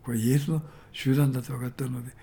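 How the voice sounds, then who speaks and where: A man's voice: medium pitch, level tone, quick pace, dark tone, breathy edge. A man preaching a sermon, retelling Bible stories with many fillers and emphatic repetitions. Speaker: pastor.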